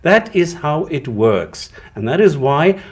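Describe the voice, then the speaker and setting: A man's voice: a little high, very animated, slow, husky. A co-host man in a heated debate, blunt and scolding, exasperated with his opponent.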